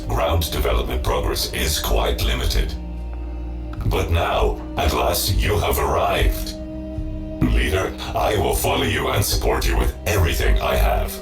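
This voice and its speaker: A rusty male robot, a loyal game base assistant with a glitchy robotic filter. His voice is extremely deep and gravelly, and its pitch swings widely. It sits in a roomy echo over game music. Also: heavily acted. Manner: dutiful, formal reports. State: glitching, stuttering on boot-up. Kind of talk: video game voice acting.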